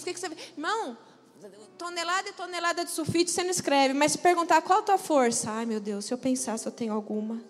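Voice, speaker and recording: A woman's voice: high voice, big-room sound. A woman pastor preaching a sermon, speaking emphatically and calling out to the congregation for responses.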